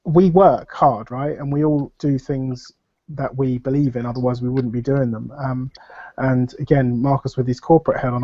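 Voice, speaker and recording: On a relaxed video call, a panel guest with a warm, mid-range voice sounds stuffed up from a cold. He rambles hesitantly, leaning on fillers, and his computer mic gives dull, dry sound with no room noise.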